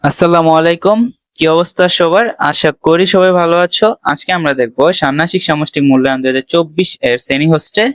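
Guy tutoring kids thru exam answers, kinda high voice, dry close mic. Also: a bit bright, no echo. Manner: talks students through answers, asks and answers his own questions. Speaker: teacher. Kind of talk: exam-prep lesson for schoolchildren.

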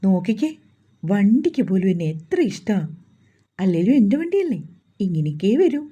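A woman's voice: mid-range voice, very animated, normal speed, warm tone, breathy edge, lo-fi sound. A woman reading the lines of a playful young man who teases his bride-to-be. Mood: teasing.

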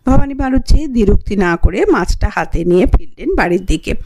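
A woman narrating a literary novel for an audiobook in a measured, clear way, announcing the page numbers. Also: medium pitch, lively intonation, noisy background.

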